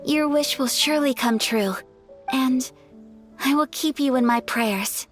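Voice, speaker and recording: Game music plays beneath a woman's high-pitched, slightly slow delivery. She voices a gracious, refined young noblewoman in game dialogue, keeping her phrasing formal and courteous.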